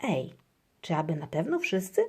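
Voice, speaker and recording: A woman voicing a calm, reassuring mother in a children's storybook. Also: fairly low pitch, moderate pace, breathy edge.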